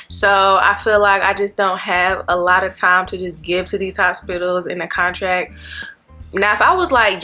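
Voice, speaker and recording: A woman's voice: lowish voice, pushed and bright. A woman in her twenties, a nursing student vlogging in a chatty, rambling way, talking straight to her viewers. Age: 20s. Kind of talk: casual chat to camera.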